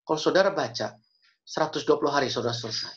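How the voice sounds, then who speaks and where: A man's voice: fairly high pitch, very fast, a bit bright, slight background noise. A man preaching and praying as a pastor, speaking earnestly and repeating key phrases for emphasis. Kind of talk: sermon and prayer. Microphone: video call. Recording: dull lo-fi video call audio.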